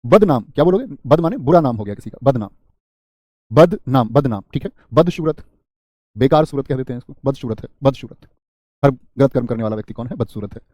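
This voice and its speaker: Man teaching an online grammar class, drills word lists, mellow and dark voice, dry close sound. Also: medium pitch, lively intonation, a little fast, dry recording. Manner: drills word lists, quizzes students, reads chat comments, jokes. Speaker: exam prep teacher.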